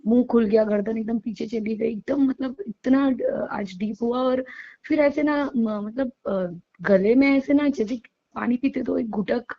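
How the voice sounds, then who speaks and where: A woman's voice: a little high, gravelly. Tearful woman on a lo-fi call. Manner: tearful, trembling, halting with many fillers. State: shaking after crying. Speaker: caller. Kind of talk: emotional phone call to a guru.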